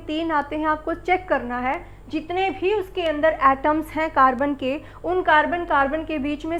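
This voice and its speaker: A woman teaching a school chemistry class. She asks the pupils questions, answers them herself and repeats the key words. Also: high-pitched. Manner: calls the pupils beta and bachche. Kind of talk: classroom lesson.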